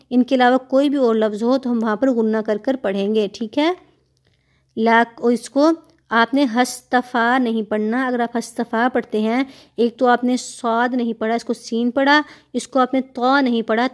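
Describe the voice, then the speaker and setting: A patient woman with a Pakistani Urdu accent teaches a tajweed lesson in a slightly high voice. She explains how each letter should sound and then recites the verses slowly, drawing out the vowels. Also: steady tone.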